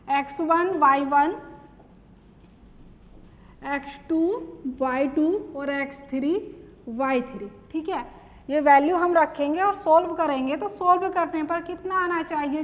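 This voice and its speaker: High-voiced woman teaching maths, tinny echo. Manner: asks questions and answers them herself. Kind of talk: classroom lesson. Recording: tinny phone-like sound with long reverb.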